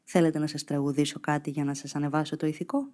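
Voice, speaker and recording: A reader voicing a troubled nineteen-year-old young man who speaks gently and slowly. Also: mid-range voice, flat delivery, lightly acted. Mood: gentle.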